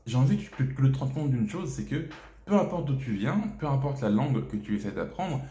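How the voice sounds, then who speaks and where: French guy doing a chatty video lesson, lots of ums and restarts, dark voice. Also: mid-range voice, lively intonation, brisk. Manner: hesitant, many fillers and restarts. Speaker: English teacher, channel host. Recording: echoey room.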